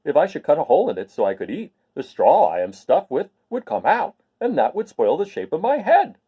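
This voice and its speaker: A man's voice: on the high side, huge pitch swings, brisk, breathy edge, lo-fi sound, full character voice. A man voicing a naive, earnest and cheerful scarecrow stuffed with straw in a storybook reading. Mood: earnest, puzzled. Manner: earnest, artless, wondering.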